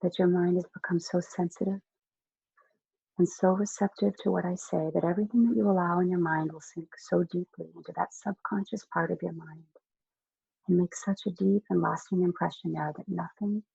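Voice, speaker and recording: Hypnotist for a guided relaxation read: soft, unhurried, mellow and dark tone, dry close sound. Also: mid-range voice, fairly even intonation, gravelly, breathy edge, no echo, highs cut off. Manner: slow, soft, soothing instructions with long pauses.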